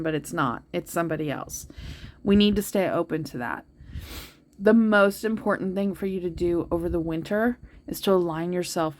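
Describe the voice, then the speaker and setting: A woman giving a heartfelt tarot reading, talking earnestly and directly to her listeners. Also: on the low side. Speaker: tarot reader. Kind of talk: spiritual tarot reading to viewers.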